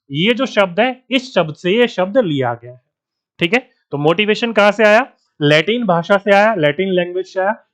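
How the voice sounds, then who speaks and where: Brief: a man as a high-pitched Hindi coaching teacher with a faint Bihari accent, quizzing his class as he goes. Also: a bit bright. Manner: addresses students as friends, asks and answers his own questions. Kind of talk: online exam-prep lecture.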